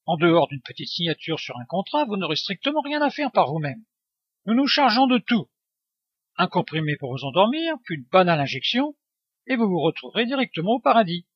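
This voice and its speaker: Man plays a gentle, coaxing salesman of assisted death; dry, dull recording. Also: high voice, sing-song, brisk, husky, dry recording, full character voice. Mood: persuasive. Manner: soft-spoken, persuasive. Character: smooth-talking male end-of-life salesman.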